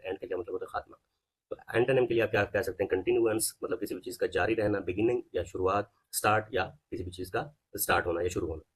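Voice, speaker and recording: A man's voice: low voice, breathy edge. A man with a Pakistani Urdu accent giving a vocabulary lesson, explaining each word and then asking what it means. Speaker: teacher.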